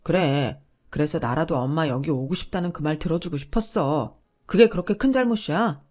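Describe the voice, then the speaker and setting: A woman's voice: deep voice, brisk, a little mellow. A woman voicing a selfish adult husband who talks in a dismissive, blaming way. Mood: resentful.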